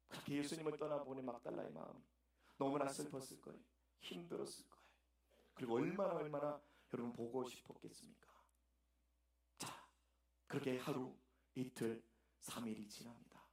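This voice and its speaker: A man's voice: mid-range voice, brisk, gravelly. A man preaching a sermon as pastor, emphatic and repeating words as he speaks to the congregation in a church. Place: church sanctuary. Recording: echoey church hall, distant mic.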